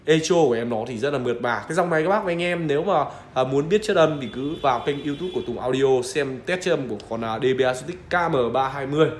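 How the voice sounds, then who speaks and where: A man with a Northern Vietnamese accent giving an insistent, repetitive hard-sell pitch as a shop seller showing off a product. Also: fast, few pauses. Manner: insistent, repetitive, urging buyers. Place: indoor shop room with audio gear. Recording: roomy echo with faint background noise.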